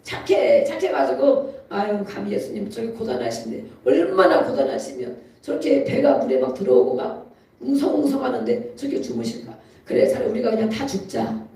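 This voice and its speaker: Animated preacher in an echoey hall. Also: medium pitch, brisk, vocal fry. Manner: chatty storytelling with frequent laughs; rising to emphatic exhortation. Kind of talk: conversational sermon. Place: church sanctuary. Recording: echoey hall, mic from far off.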